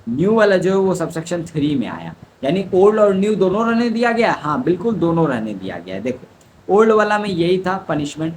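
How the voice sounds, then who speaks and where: A man's voice: fairly high pitch, slight background noise, poor audio. A young man tutors exam students in law, explaining step by step and answering his own questions. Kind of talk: exam revision lecture.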